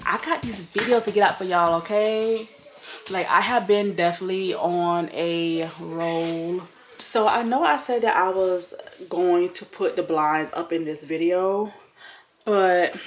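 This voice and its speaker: A woman's voice: on the low side, echoey room. Rambling woman vlogger with a stuffy nose. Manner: rambling, lots of "like", addresses viewers as y'all. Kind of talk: casual chat to camera. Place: home. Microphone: camera mic.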